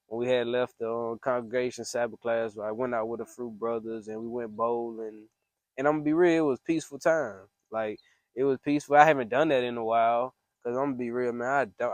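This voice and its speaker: Earnest and a bit preachy, a medium-pitched man vents and gives testimony about his faith in a casual voice memo. His phrasing is slangy and emphatic, and the sound is dry and close-miked.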